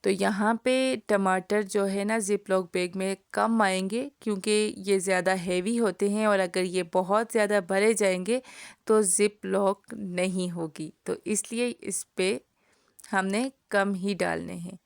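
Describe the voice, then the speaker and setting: Her voice is medium-pitched, smooth, and fairly even, with vocal fry and a slow pace. She's a cooking channel host nursing a sore throat, explaining each step of a home kitchen recipe directly and kindly to viewers in a voice-over captured dry at studio quality.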